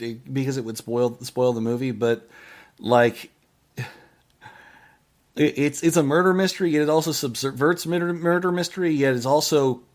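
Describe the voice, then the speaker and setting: A man hosts a podcast with casual movie reviews, speaking haltingly and often restarting or trailing off mid-phrase. His voice is mid-range.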